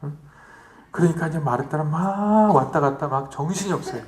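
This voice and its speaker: Lively priest preaching in an echoey hall. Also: male voice, fairly high pitch, a little fast. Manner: lively, asks the audience questions, acts out the story in quoted voices. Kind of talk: retreat sermon.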